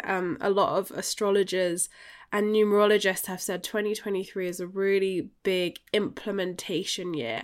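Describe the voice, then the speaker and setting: A British woman hosting a casual, chatty podcast with a nasal voice, congested from a lingering flu and speaking effusively and directly to listeners. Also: mid-range voice. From United Kingdom. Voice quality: nasal, bunged-up voice. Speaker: podcast host and life coach.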